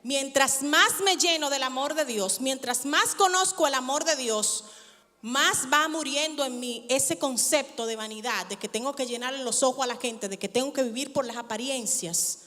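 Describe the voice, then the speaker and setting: A woman pastor delivers a sermon with a high, bright voice. She is expressive and mixes humor and sarcasm into her preaching. The sound carries a long church-hall reverb. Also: normal speed.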